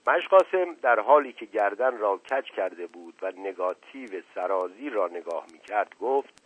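A man narrating a novel in a lively storytelling manner, in a dull lo-fi radio recording. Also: on the low side, husky. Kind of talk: novel reading.

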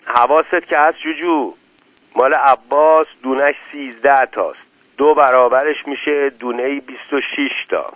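Man voicing a quick bet-counting gambler, tinny dry line. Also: mid-range voice, no echo, close to an everyday voice. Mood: brisk. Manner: brisk, calculating. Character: sharp quick male gambler counting bets.

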